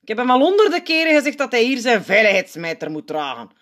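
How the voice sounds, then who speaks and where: Lady doing a fussy grumbling elf boss, exasperated, high voice, storybook. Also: big pitch swings, fast talker, fairly bright tone. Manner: cursing, exasperated.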